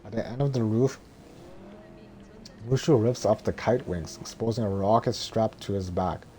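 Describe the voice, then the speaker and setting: Low, mellow man droning through a script. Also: a little hiss or hum. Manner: monotone, droning delivery; halting, stumbling over words. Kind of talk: scripted narration, reading a film script.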